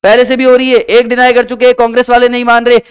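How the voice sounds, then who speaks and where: Speaking fast in a very high, clean voice with a completely flat delivery, this man runs an energetic classroom-style history lesson in Hindi-English mix. He constantly questions students, gets them to echo answers, addresses them as beta, and performs brief quoted lines.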